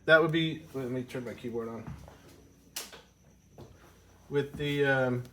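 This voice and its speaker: Congested male music teacher, mid-pitched, loose and rambling delivery. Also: slow pace, a bit bright, slight background noise. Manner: rambling, self-correcting, with frequent ums. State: congested from a cold. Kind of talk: casual explanatory lesson.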